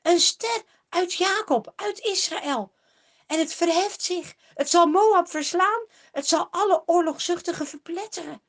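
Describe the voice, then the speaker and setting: A solemn old soothsayer, voiced by a woman, proclaiming with earnest force. His raised, lively voice rises and swells as he declaims in a storybook telling. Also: sits high, unhurried, pitched above the performer's own voice. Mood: declaiming.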